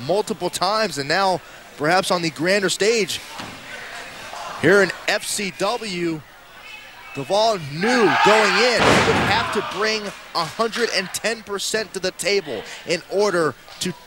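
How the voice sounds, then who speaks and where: A man doing excited play-by-play wrestling commentary with emphatic, exclamatory calls and dramatic repetition. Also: high-pitched, measured pace. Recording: loud arena crowd noise behind. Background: roaring wrestling crowd.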